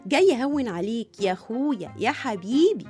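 Brief: woman voicing playful sister who teases, Egyptian accent, quick speech. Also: fairly high pitch, very animated, warm tone, breathy edge, soft background music. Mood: teasing. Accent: Egyptian Arabic. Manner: teasing, affectionate. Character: teasing young sister, playful.

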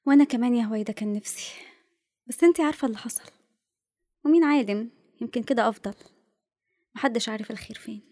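An actress playing a lively, sardonic young Egyptian woman, a self-reliant photographer in a radio drama. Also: a little high, fast talker, pauses often, no room sound, close to an everyday voice. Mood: affectionate.

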